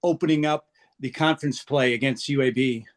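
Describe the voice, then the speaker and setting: A man's voice: mid-range voice, fairly even intonation, fairly quick. A male sports reporter on a video call, asking friendly, direct questions at a press conference.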